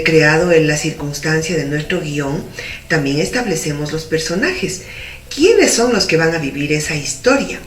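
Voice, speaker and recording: A radio drama producer gives a tutorial, a woman explaining things methodically and didactically in an instructional style. Her voice sits low and is a bit bright, recorded in a roomy space on a distant mic with faint noise.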